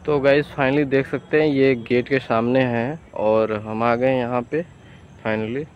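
A man's voice: mid-range voice, fairly even intonation, a little slow. A young man chatting casually to viewers in a walking vlog, filmed outdoors on a phone held at arm's length. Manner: chatty, addresses viewers directly. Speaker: vlogger. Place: outdoors by a highway and fields. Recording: dull lo-fi phone audio, faint outdoor noise.

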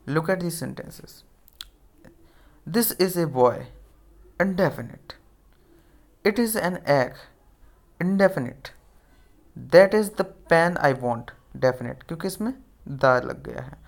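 Male teacher with an Indian accent, unhurried lecture delivery, reads example sentences word by word. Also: on the high side, gravelly. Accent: Indian English. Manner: explains in Hindi, reads English examples slowly and deliberately. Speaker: English grammar teacher. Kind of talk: classroom lecture.

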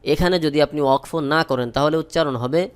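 A man with a Bangladeshi Bengali accent teaching Quran reading, spelling out each letter and vowel mark, then chanting the verses slowly. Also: fairly high pitch, clear, resonant tone. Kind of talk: slow spelled-out Quran recitation lesson.

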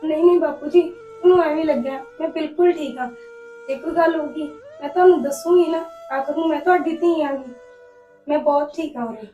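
An actress playing a troubled young wife with a Punjabi accent who softly reassures her father while hiding her pain. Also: high voice, fairly quick, phone-quality sound, close to an everyday voice. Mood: reassuring. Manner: soft and reassuring, holding back tears. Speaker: married daughter. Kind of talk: short film drama acting. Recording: roomy, distant sound with soft music.

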